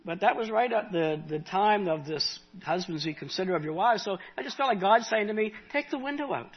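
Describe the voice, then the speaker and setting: A middle-aged man talking casually about a Bible study in a folksy, halting way, often restarting his sentences. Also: sits high, slight background noise. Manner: folksy, halting, restarts a lot, tells personal anecdotes. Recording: dull lo-fi recording.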